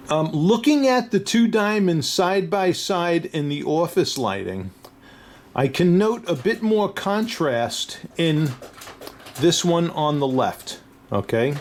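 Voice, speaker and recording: A man's voice: fairly high pitch, a little mellow, a little hiss or hum. A man with a New York accent, a diamond dealer talking through a casual, unscripted review, chatty and chuckling often. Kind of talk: casual product review vlog.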